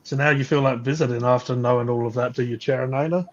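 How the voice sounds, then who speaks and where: A man's voice: mid-range voice, fairly even intonation, fast talker. A man with an Australian accent who hosts a casual group chat, teasing his guests in a friendly way. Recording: dull lo-fi audio.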